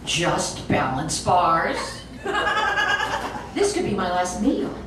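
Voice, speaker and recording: A woman reads a comic story with animated, expressive storytelling, her fairly low voice taking things slowly. She's recorded from a distance by a distant mic in a very echoey room, and the audio is noisy.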